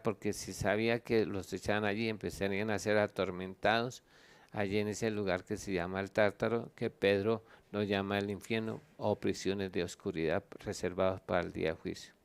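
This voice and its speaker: A man's voice: fairly low pitch, fairly even intonation, clear, resonant tone. A man, a pastor, answering Bible questions and reading scripture aloud, stopping to look up verses. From Colombia. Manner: explains at length, reads scripture aloud, pauses to look up verses. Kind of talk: Bible teaching Q&A.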